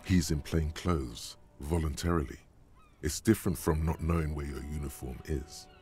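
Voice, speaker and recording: An actor voicing the brooding, sardonic inner voice of a detective's mind in a video game, narrating slowly and deliberately. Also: male voice, extremely low pitch, steady tone, darkish tone, soft background music. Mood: stern.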